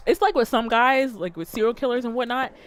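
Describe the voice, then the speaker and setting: A woman streamer telling a story and chatting with her viewers, animated and full of swearing. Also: a little high, a little fast, soft background music. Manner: profane, animated, talks straight to chat. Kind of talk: casual livestream storytelling and chat.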